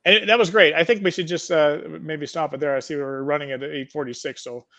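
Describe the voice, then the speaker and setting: A warm-mannered man hosting a live author chat, relaxed and sprinkling his speech with fillers. His voice sits a little high for a man. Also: fairly quick. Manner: friendly, many fillers. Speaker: author and show host. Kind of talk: casual chat.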